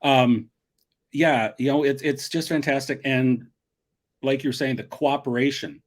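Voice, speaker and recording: A man's voice: mid-range voice, steady tone, measured pace. A middle-aged man in a casual chat as a guest, talking in a friendly, rambling way with frequent restarts.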